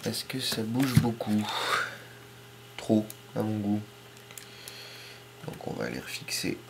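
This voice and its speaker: Very deep-voiced man narrating a tutorial. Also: slow, vocal fry, noisy background. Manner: calm, step-by-step, talks to himself while working, drops to murmurs. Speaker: hobbyist astrophotographer. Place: home kitchen.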